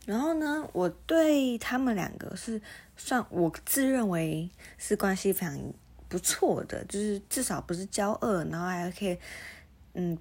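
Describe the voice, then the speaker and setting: Woman, podcast host, husky medium-pitched voice, mouthguard-slurred diction, casual solo storytelling, self-mocking, English words mixed in. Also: unhurried. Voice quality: slightly slurred articulation from a mouthguard or braces. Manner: self-mocking, animated re-enacting of conversations.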